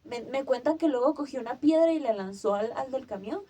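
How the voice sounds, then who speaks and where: A young woman tells a story on a casual podcast. Her voice sits high but sounds soft and mellow. She acts out her own cries and shouts as she goes. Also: animated, brisk, slightly rough. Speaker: podcast host.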